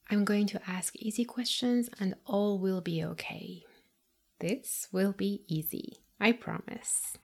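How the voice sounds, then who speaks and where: A woman's voice: mid-range voice, darkish tone, husky. Woman whispering soothingly, close in the ear. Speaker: English teacher and podcast host. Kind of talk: whispered relaxation introduction.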